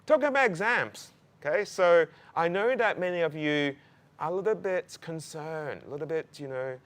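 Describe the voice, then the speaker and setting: A man's voice: on the high side, normal speed, a bit bright. A man giving an informational presentation to prospective students in a conversational, emphatic way, often adding short tags like right and okay. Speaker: law program presenter.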